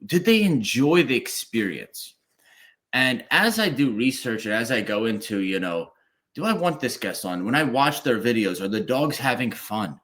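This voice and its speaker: A man hosting a podcast interview, talking in an animated, rambling way with many fillers. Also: medium pitch, normal speed. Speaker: podcast host.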